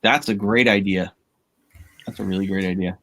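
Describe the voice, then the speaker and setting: A man co-hosting a casual podcast chat, talkative and reasoning out loud. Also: low voice, fairly even intonation, moderate pace. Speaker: podcast co-host.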